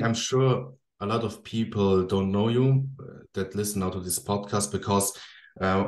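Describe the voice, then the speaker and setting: A man hosting a podcast interview, asking friendly questions in English with frequent hesitations and restarts. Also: lowish voice. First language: German. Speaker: podcast host. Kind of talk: casual interview chat. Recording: echoey room.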